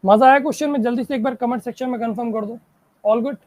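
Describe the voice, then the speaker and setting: With no room sound in the recording, a woman with a fairly high, darkish voice leads a live reasoning class online. She slowly reads questions aloud in English and then explains them in Hindi, checking in constantly to praise students and confirm they follow.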